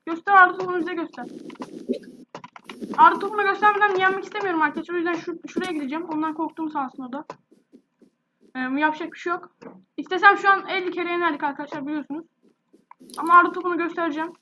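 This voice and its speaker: A woman's voice: very high-pitched, steady tone, quick pace, pauses often, noisy background. A woman with a sore, irritated throat, chatting casually to viewers as a gaming youtuber. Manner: chatty, addresses viewers directly. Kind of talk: casual gameplay commentary.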